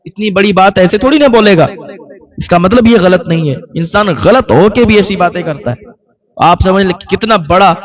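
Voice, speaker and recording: A man giving a religious sermon in style storytelling, speaking earnestly and repeating key points for emphasis. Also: high voice. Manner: earnest, repetitive emphasis, recounts dialogue. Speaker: preacher.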